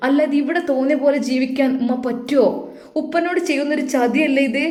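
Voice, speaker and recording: A hurt, reproachful young man firing question after question at his mother, as a woman narrator voices him. He speaks with a Malappuram Malayalam accent in a family audio story. The voice sits fairly high and the room adds echo. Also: a little fast, darkish tone, lightly acted. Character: hurt grown son returned from abroad. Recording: roomy echo.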